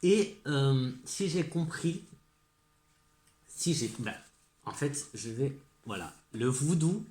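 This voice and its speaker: This French-accented man talks to camera in a relaxed vlog about gift ideas, speaking slowly with lively intonation and a darkish tone in a reverberant space. His pitch is medium, and he hesitates, leans on fillers, and keeps enthusiastically repeating his praise.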